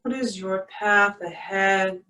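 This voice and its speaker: A soothing yoga-teacher voice leading a guided meditation at an extremely slow pace, with long pauses between phrases. The pitch sits in a middle range, and the sound is roomy and set back from the microphone. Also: steady tone, sharp tone. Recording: echoey room, distant from mic.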